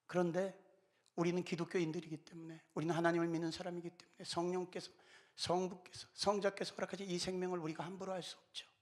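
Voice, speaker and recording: A man's voice: high voice, level tone, quick pace. A man in his fifties giving an impassioned church talk, pleading with urgent fervor. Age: 50s. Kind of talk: impassioned exhortation.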